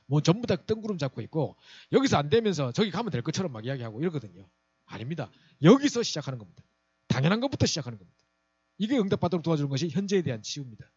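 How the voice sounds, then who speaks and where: A man's voice: on the high side, darkish tone, husky, highs cut off. A man in his forties, a pastor giving an evangelism lecture and telling a personal story, acting out the people he quotes. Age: 40s.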